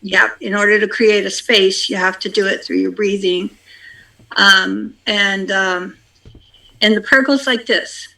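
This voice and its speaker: Slow, halting speaker with a bright tone. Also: medium pitch, fairly even intonation, gravelly, low-quality recording. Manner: halting and unhurried, with many ums and repeated phrases. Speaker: community member sharing a practice. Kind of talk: spiritual group discussion.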